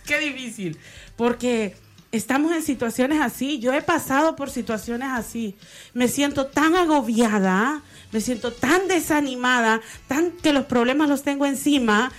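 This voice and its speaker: A woman's voice: high-pitched, measured pace, soft background music. A woman speaking earnestly and personally in a Bible study conversation, reading verses aloud and sharing her own experience.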